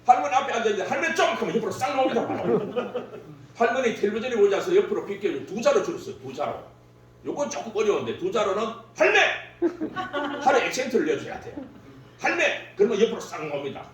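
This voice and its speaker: A man gives a humorous workshop lecture, his voice high and swinging widely. He keeps joking and laughing at his own stories. He is heard from a distance in a very echoey hall, with a faint hum underneath. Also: rapid-fire. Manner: jokey, laughs at own stories, lively delivery.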